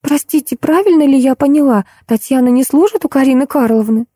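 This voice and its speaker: A woman voicing a shy, blushing young woman who apologizes constantly in a high, chirping voice. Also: brisk, mellow, no echo, clean studio sound, natural voice. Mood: timid. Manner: breathless, fluttering, apologetic.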